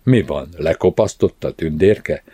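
A man reading the part of a brash, teasing male friend who jokes loudly and crudely. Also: extremely low pitch, animated, husky, heavily acted. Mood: jovial. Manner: loud, backslapping banter.

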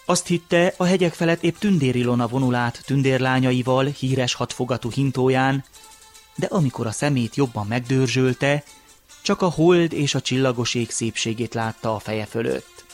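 A man narrating a folk tale in a measured, unhurried way. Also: mid-range voice. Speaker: storyteller.

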